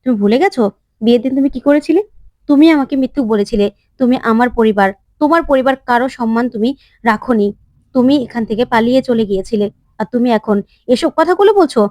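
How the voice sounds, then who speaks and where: An angry young husband turns away a former lover, as a woman storyteller puts on his voice. The voice sits fairly high and sounds close and dry. He speaks in hurt, pleading, then sharply rejecting bursts. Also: fast talker, a little mellow, no echo, lightly acted.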